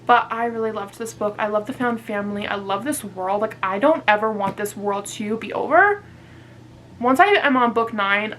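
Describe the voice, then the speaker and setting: Bright-voiced young woman gushing about books. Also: on the high side, slight background noise, rough recording. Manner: gushing, chatty, swears freely. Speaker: book reviewer. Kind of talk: casual vlog chat.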